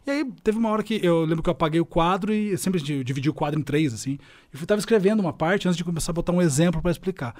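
A fast, high-pitched man with a widely swinging pitch. The recording is dry and close. He tells the story like a performer and acts out each scene. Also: animated, a little mellow, no echo. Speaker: teacher. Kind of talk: casual chat.

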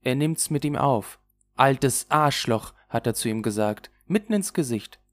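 A woman's voice: rumbling low, expressive, a little slow, voice pushed up. A reader voicing Loulou, a flighty and impulsive young woman who chatters in a gossipy way, in an audiobook. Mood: chattering. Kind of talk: audiobook character voice.

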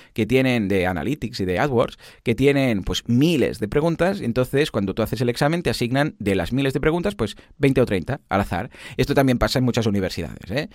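A man in his thirties, explaining software in a casual, animated way full of tag questions and examples. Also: medium pitch, a little fast, no echo, clean studio sound. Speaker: podcast host explaining software.

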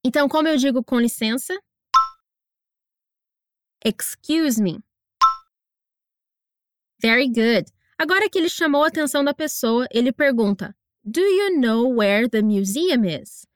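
A woman who is an English teacher and podcast host narrates a scripted language lesson in a high, bright, expressive voice. She's encouraging and draws words out slowly for pronunciation drills, recorded with close, dry studio sound and no echo.

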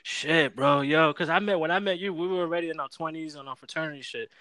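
A man's voice: fairly high pitch, fast, bright, forceful tone, no room sound. A young man from Florida hosting a casual podcast, profane and laid-back, laughing often. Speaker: podcast host.

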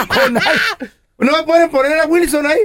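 A man's voice: extremely high pitch, a little slow, crowd noise. A man, co-hosting a comedy podcast and teasing the others. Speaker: podcast co-host. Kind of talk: comic chat.

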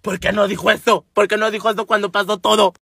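A man's voice: sits high, level tone, fast, creaky, sharp tone, slightly rough, no echo, clean studio sound, heavily acted. A man playing a brash, foul-mouthed woman with a Mexican accent, telling stories in a salty, gossipy comic monologue. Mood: cheeky gossip. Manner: salty, gossipy, rambling storytelling.

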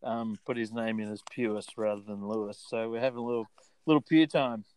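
A man's voice: fairly low pitch, little pitch movement, fairly quick, heavy background noise. An Australian man hosting a casual podcast chat in a laid-back, jokey way. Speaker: podcast host.

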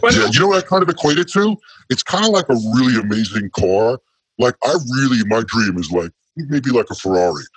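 A man's voice: medium pitch, slightly rough, dry recording, rough recording. A man in his forties, a guest on a talk show, answering bluntly and casually through an electronic voice disguise. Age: 40s.

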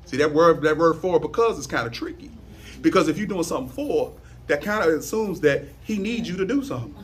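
Man preaching, St. Louis accent, high voice, church sermon, swells to loud sing-song. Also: lively intonation, a little fast, slight background noise. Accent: St. Louis, Missouri.

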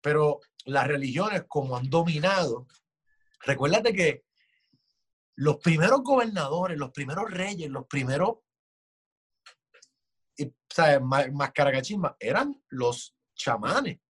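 A man's voice: a little high, animated, slow, long pauses, a bit bright, breathy edge. A man in casual chat, arguing passionately, swearing often and acting out quoted voices.

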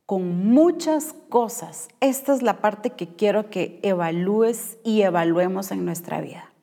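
A woman preaches a sermon at an unhurried pace, pausing and repeating her main phrases for emphasis. Her voice sits in a middle register. The sound carries a long reverb, as in a church hall. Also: mid-range voice, animated, creaky, mellow.

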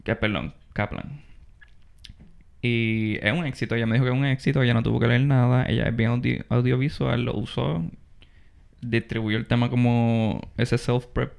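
Gravelly young man hosting. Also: mid-range voice, little pitch movement, normal speed, a little mellow. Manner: restarts words, mixes in English terms. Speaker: podcast host. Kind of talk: casual advice chat.

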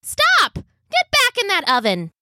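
A fussy old woman baker in her seventies, played by a woman narrator, calling out in a high, shrill, bright voice. It's a storybook granny, loud and urgent. Dry, close sound. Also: very animated, normal speed, no room sound, heavily acted. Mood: calling, alarmed.

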